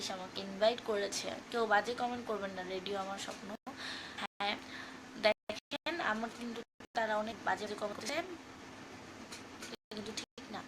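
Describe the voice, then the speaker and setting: A woman's voice: on the high side, background noise. A woman hosting a casual live stream, reading fan comments aloud in a chatty, teasing way and singing snatches of song. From Bangladesh.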